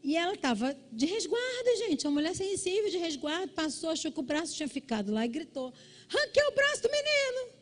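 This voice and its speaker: A woman pastor from Brazil preaching a sermon, telling a family story and acting out the shouting relatives in a high voice. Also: expressive, fairly quick, few pauses. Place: church service.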